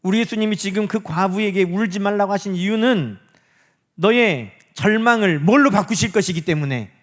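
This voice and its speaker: A man preaches to his church in a high, lively voice. He keeps asking his listeners questions and answering them himself. He drops into a softer voice when he acts out quoted speech. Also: moderate pace. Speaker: pastor. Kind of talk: sermon. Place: church sanctuary.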